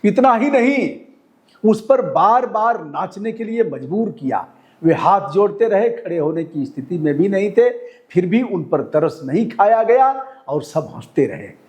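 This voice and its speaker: A man's voice: high-pitched, big pitch swings, measured pace, darkish tone. A male news commentator reading a report and breaking off to scold the police directly in an indignant tone.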